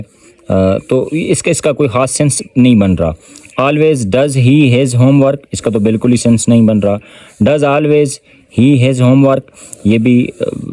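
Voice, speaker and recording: A man's voice: medium pitch, mellow, dry recording. Pakistani man teaching English test answers. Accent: Pakistani Urdu. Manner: slow, deliberate reading of English sentences; explains step by step with frequent fillers. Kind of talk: test-prep lesson explaining answers.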